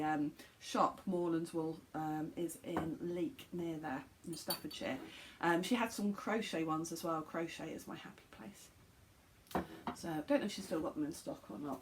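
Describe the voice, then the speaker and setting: Speaking to camera from home, this knitting podcast host has a deep voice with a slight croak, and there's noise in the background. Her casual chat wanders, full of ums and restarts.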